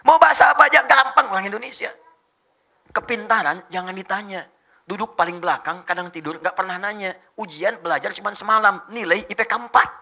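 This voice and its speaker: A man's voice: sits high, a little fast, creaky, pushed and bright. A male Islamic preacher giving a rousing religious lecture to an audience, exhorting his listeners and mixing in joking asides.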